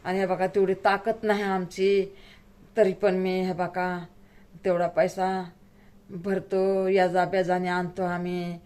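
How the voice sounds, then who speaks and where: A woman's voice: on the low side, flat delivery, takes it slowly, long pauses, a little mellow, clean tone. Middle-aged woman, own voice, tearful pleading vlog talk, close to crying. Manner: pleading and tearful, rural Marathi speech. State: close to tears. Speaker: vlogger. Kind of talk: emotional personal vlog talk.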